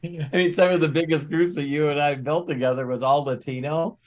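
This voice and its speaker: A man's voice: fairly high pitch, steady tone, fairly quick. A man hosting an interview podcast in casual chat, effusive and affirming, and laughing easily. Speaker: podcast host.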